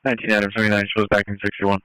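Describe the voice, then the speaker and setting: A man in the field giving brisk, matter-of-fact police radio reports, heard over a two-way radio with static bursts. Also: on the low side, completely flat delivery, a bit bright, clean tone, dry recording, poor audio. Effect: two-way radio transmission with static bursts. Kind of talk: clipped police radio traffic.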